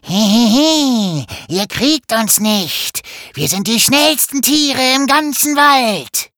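A man voicing three cheeky little fox kids in a children's audio story, teasing and squeaky. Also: lively intonation, takes it slowly, sharp tone, dry recording, clean studio sound, exaggerated voice.

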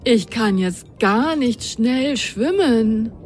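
A woman's voice: on the high side, lively intonation, very slow, darkish tone, faint music behind, pitched above the performer's own voice. A woman voicing a hungry male sock who talks and hums with his mouth full in a storybook. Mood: groaning full. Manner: munching, humming with food in mouth.

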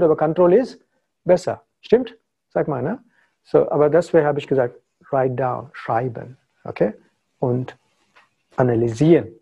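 A man's voice: on the high side, gravelly, muffled recording. A man from India, a spiritual teacher giving a talk to followers in broken German with English phrases mixed in. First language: not German.

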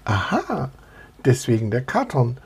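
A man's voice: medium pitch, huge pitch swings, a little slow, husky, heavily acted. A man voicing a young princess in a storybook, who asks questions in a commanding way. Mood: questioning.

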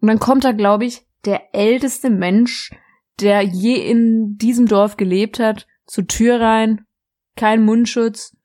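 A woman's voice: on the high side, steady tone, takes it slowly, a little mellow. Giggly young woman rambling through a story. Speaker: podcast co-host. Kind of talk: casual chat.

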